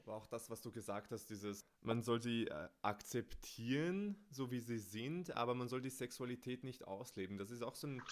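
A man's voice: medium pitch, animated, normal speed, few pauses. A man hosting a conversation, asking empathetic, questioning follow-ups. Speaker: host. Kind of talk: conversational interview.

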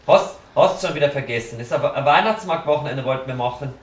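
A man's voice: mid-range voice, lively intonation, quick pace, far from the mic. A man in casual chat, telling stories bluntly and dramatically with acted-out quotes. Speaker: podcast guest. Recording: roomy sound from off the mic, faint noise.

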